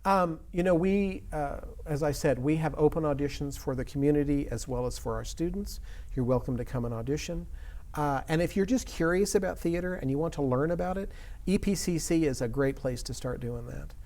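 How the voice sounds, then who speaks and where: Man, theater educator, interview guest, somewhat high pitch, earnest, emphatic, enthusiastic. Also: fairly quick, a little mellow. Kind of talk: conversational interview answers.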